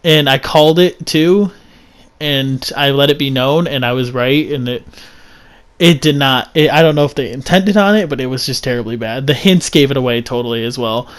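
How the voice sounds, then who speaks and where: A man's voice: medium pitch, normal speed. A man reviewing a video game in a casual, rambling way, giving blunt opinions with frequent restarts and fillers.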